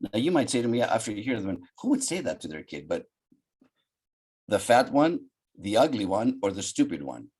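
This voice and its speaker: An older man from Greece, a psychologist guest telling a story on a video call from his home office, in an animated, gesturing way. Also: on the low side, normal speed, husky. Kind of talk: storytelling interview.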